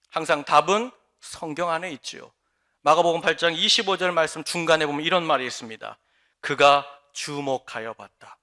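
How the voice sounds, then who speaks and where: A man's voice: sits high, sharp tone. A male pastor preaching a sermon, pressing his point with repeated rhetorical questions and emphatic restatements.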